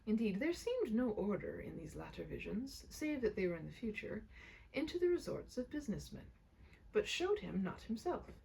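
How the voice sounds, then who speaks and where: A woman reading a story aloud with an expressive, theatrical and emphatic delivery. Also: fairly high pitch, normal speed, gravelly, a little hiss or hum, poor audio. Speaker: reader.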